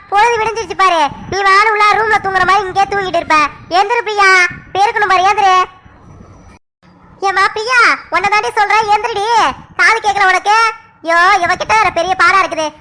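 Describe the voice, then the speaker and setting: Woman doing a cartoon village mom, nagging and fussy, super high squeaky bright voice. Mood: scolding. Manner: scolding, fussing, exclamatory. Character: fretful village mother, middle-aged woman. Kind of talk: cartoon voice acting.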